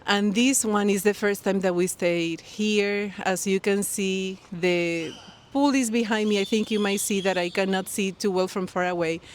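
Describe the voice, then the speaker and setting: A Colombian knitting podcast host, a native Spanish speaker with a Colombian accent, chats casually to the camera beside a pool near the beach. Her medium-pitched female voice has fairly even intonation and a moderate pace, and her friendly, rambling vlog talk is full of fillers and restarts. Birds and people can be heard nearby.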